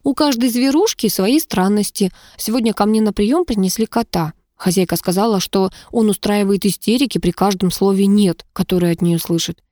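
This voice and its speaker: A woman narrating a first-person audiobook in a wry, lively storytelling manner. Her voice is mellow and dark, recorded on a close mic that sounds dry, with no room around it. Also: mid-range voice, fairly quick, hardly any pauses, dry recording.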